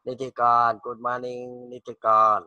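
A man's voice: medium pitch, monotone, slow, pushed and bright, no room sound. A man teaching English to school students in an online class, reading short English phrases and then translating and repeating them in Thai.

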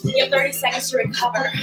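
A woman leading a live workout, calling out countdowns with sassy, energetic encouragement. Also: high voice, echoey room, far from the mic, rough recording. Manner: energetic motivating callouts and countdowns; sassy and playful. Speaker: fitness instructor. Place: home workout space. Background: workout music.

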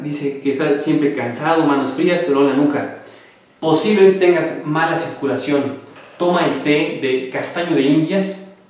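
A man's voice: fairly high pitch, darkish tone, far from the mic. Chatty man in an echoey room. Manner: chatty, joking, answers viewer questions. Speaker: natural health presenter. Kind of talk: casual advice talk.

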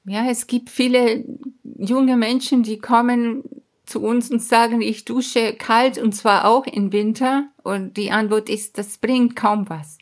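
A woman scientist, a podcast guest, explains her school project earnestly, with small grammar slips and emphatic asides. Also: a little high. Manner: non-native grammar slips in German. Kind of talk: explaining in an interview.

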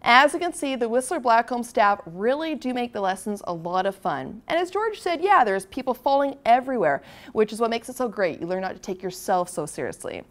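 A woman's voice: a little high, very animated, a little fast, few pauses. A young woman hosting and narrating a television feature in a scripted, upbeat presenter style. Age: young adult. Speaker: TV host and reporter.

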